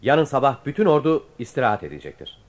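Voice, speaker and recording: An actor playing a resolute, imperious sultan in a radio play, giving orders in a declamatory way. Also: male voice, medium pitch, big pitch swings, fast talker. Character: commanding, resolute young Ottoman sultan.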